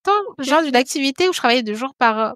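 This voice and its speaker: A woman's voice: high voice, animated, quick pace, fairly bright tone, dry recording, clean studio sound. A woman in her thirties, a podcast guest talking frankly and casually, often repeating words and restarting her sentences. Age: 30s. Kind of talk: casual conversation.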